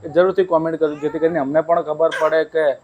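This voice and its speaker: Young male family vlogger, casual chat at home, slightly high voice, dull lo-fi sound. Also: flat delivery, quick pace, darkish tone. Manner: chatty, coaxing a small child. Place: home at night. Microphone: handheld mic.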